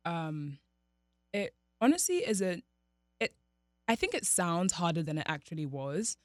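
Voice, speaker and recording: A young woman from Nigeria, chatting as a podcast guest in a relaxed way with lots of fillers. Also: fairly low pitch, measured pace, dry recording, studio quality. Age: young adult. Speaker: podcast guest, college athlete. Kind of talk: casual interview chat.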